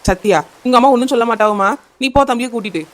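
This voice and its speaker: A woman's voice: a little high, fast, natural voice. A woman voicing a bossy, grumbling neighbour aunt in a cartoon, with a Kanyakumari Tamil accent. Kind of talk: cartoon voice acting.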